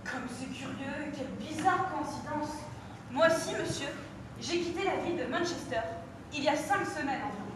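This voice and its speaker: A woman's voice: sits high, moderate pace, background noise, close to an everyday voice. A teenage girl playing a prim English lady in an amateur stage performance, exclaiming with exaggerated surprise, heard from far off in an echoey hall. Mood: astonished. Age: teens.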